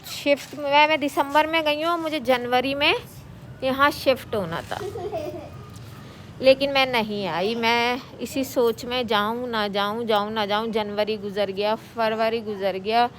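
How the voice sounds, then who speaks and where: A woman's voice: on the high side, a bit bright, slight background noise. A middle-aged woman from Pakistan telling her own story in a chatty, rambling way for her vlog. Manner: chatty, rambling, repeats herself. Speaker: vlogger. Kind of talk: casual personal vlog storytelling.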